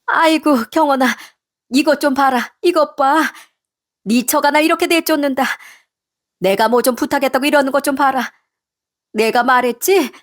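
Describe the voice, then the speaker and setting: A woman voicing a pushy, scolding mother-in-law in her sixties in a storybook tale, shrill and indignant. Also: normal speed, pauses often, lightly acted. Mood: whining. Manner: shrill, indignant, guilt-tripping. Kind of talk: storybook narration with acted voices.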